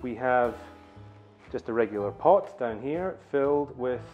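A man hosting a comedic home cooking vlog in a kitchen, with wry, deadpan humor. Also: medium pitch, unhurried, phone-quality sound, faint music behind. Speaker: cooking show host.

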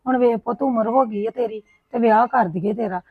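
A woman plays a mother in a homemade family drama. She coaxes and questions her daughter gently. Her slightly high voice sounds dry and tinny, like a phone line. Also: fairly quick, husky, dry recording.

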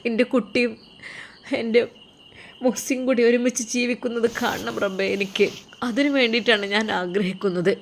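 A woman narrator plays an elderly father in a storybook tale. He speaks softly and low, pleading and tender, on the edge of tears. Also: fairly even intonation, normal speed, a little hiss or hum, natural voice. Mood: tender, tearful.

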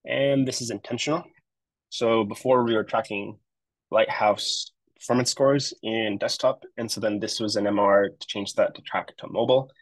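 A man's voice: medium pitch, dry recording, rough recording. Casual man giving a screen-share walkthrough. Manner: casual, explanatory, with frequent fillers. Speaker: web developer.

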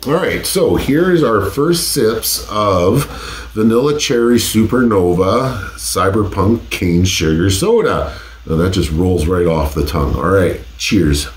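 This laid-back host in his forties curses casually through a taste-test vlog from his home office, nasal and stuffed up with a cold. His low voice moves slowly with lively intonation, and the desk condenser mic captures a reverberant room.

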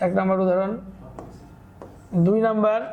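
A man's voice: high voice, level tone, moderate pace, narrow, tinny audio, slight background noise. A man teaching a school chemistry lesson, working through examples step by step, counting aloud and asking and answering his own questions. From Bangladesh.

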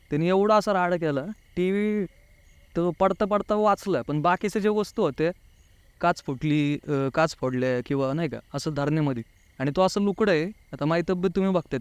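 Pitched fairly high with a darkish, clean tone and no room sound, the voice belongs to a man from Pune, India. He's a chatty interview guest recounting something that happened to him, mimicking what others said and leaning on the filler "नाही का".

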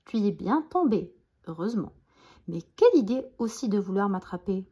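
A woman voicing a big, good-natured male bison who speaks calmly and teasingly in a bedtime story. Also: medium pitch, normal speed, slightly rough, muffled recording.

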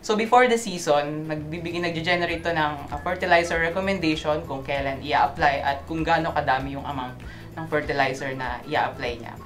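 A woman's voice: sits low, faint music behind. A young woman in her twenties with a Filipino accent explaining a farming app in Tagalog and English. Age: 20s. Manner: mixes Tagalog and English, measured.

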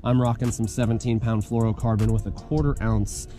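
Speaking fairly quickly in a fairly low, level voice, an American-accented man hosts a casual fishing vlog outdoors by a pond, chatting with viewers in colloquial, folksy slang. Music is laid over his speech.

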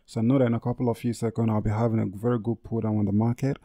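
A man's voice: on the low side, flat delivery, rapid-fire, mellow, no room sound. A man hosting a casual trading tutorial over a screen recording, repeating himself and correcting his words with many fillers. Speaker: trading channel host.

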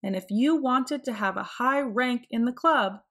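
A woman reading a picture book aloud for children, with clear, expressive phrasing. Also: on the high side, measured pace. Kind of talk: read-aloud storybook narration.

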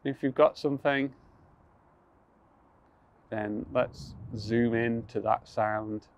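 A young man leading a guided mindfulness practice outdoors on a rooftop, speaking calmly, slowly and gently, with soft restarts. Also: medium pitch. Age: young adult. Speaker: mindfulness instructor.

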